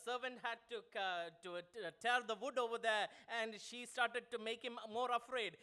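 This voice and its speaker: A man with a Malayalam accent interpreting a sermon into English. He pauses a lot, says "uh" often and keeps adding "over there". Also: very high-pitched, sharp tone, clean tone.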